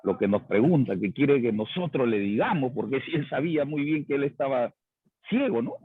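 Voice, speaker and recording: A man's voice: mid-range voice, expressive, brisk. A man, a student in an online class, retelling scenes and tagging his sentences with "¿no?". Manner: retells scenes, quoting shouts, many "¿no?" tags. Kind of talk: class contribution over a call. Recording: dry, phone-like line.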